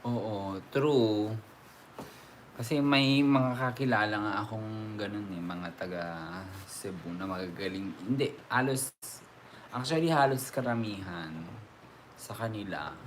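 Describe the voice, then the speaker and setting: A man's voice: fairly low pitch, measured pace, pauses often, a little hiss or hum. A man with an Ilocano accent, chatting casually with viewers as a vlogger, rambling along with frequent laughs. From Ilocos region, Philippines. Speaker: vlogger host. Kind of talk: casual chat answering viewers.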